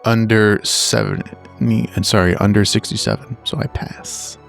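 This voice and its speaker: A man chats bluntly at a tabletop game. His voice is fairly low with plenty of fry, over soft music. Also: big pitch swings, measured pace. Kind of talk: casual game chat.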